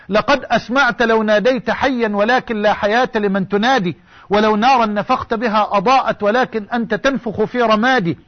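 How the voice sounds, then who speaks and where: A man's voice: high voice, muffled recording. A man with an Egyptian accent preaching a sermon, impassioned and rhetorical, moving between classical and colloquial speech. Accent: Egyptian Arabic.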